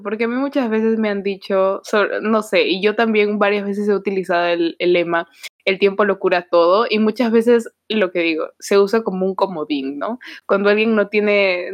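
A woman's voice: mid-range voice, dry recording. A woman co-hosting a casual podcast, speaking frankly and swearing freely as she shares personal experiences. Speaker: podcast co-host.

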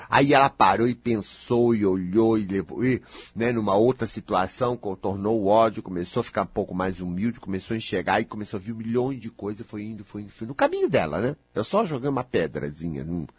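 Emphatic Brazilian man with a husky voice. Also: on the low side, no room sound. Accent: Brazilian Portuguese. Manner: emphatic, teasing and scolding, talks straight to the listener. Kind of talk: animated spontaneous monologue.

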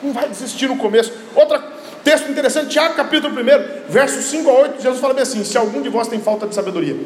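A male pastor with a Brazilian Portuguese accent preaching in a church, swinging between shouted passages and low quiet asides. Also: rapid-fire, slight background noise. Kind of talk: sermon. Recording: echoey hall with long reverb.

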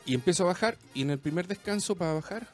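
A Chilean man tells a friend a story in casual chat, with a somewhat high voice. He stumbles, restarts and drops slang as he goes. Faint music sits in the background. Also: expressive. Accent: Chilean Spanish. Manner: breathless, halting storytelling full of slang and restarts.

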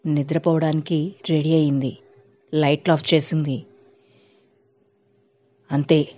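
A woman narrating a spooky storybook tale with a dramatic, suspenseful delivery. Her voice sits on the low side. The recording sounds dull and lo-fi. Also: dark tone.

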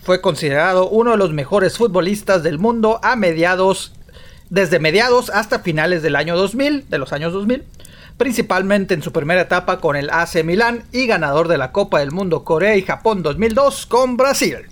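Laid-back Mexican co-host, jokey. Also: male voice, high voice, lively intonation, normal speed, fairly bright tone. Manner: laid-back, jokey, peppers speech with "güey". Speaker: podcast co-host. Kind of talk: casual podcast banter.

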